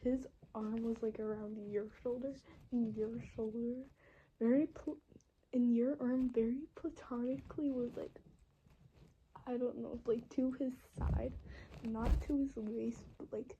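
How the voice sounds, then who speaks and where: A woman's voice: fairly high pitch, steady tone, a little slow, mellow, dull audio, slight background noise. A woman improvising a listener role-play story at home into a phone, rambling with many fillers and sometimes dropping into a whisper. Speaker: voice actor.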